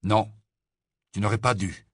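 A man voicing a blunt, grumbling teenage boy wizard in an audiobook, gruff in manner. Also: fairly low pitch, steady tone, a little slow, fairly bright tone, no room sound, clean studio sound. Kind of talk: audiobook character voice.

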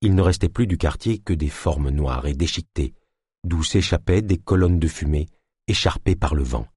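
A man reading an audiobook in a measured, expressive narration. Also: a bass voice, breathy edge, no room sound, clean studio sound.

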